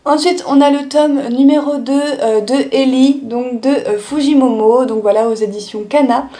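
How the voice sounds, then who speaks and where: High-voiced young woman chatting casually. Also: moderate pace, mellow. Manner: chatty, lots of "euh" and "du coup" fillers. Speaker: manga haul vlogger. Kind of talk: casual haul video chat.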